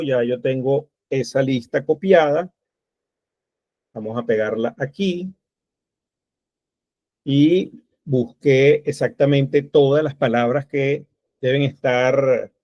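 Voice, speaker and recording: A man walks through a coding tutorial at an unhurried, deliberate pace, stopping often to think aloud as he types. His voice is on the higher side for a man but mellow and dark in tone. The recording is dry and a little dull, with a lo-fi edge. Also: no echo. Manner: slow, thinking aloud while typing code. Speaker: programming teacher.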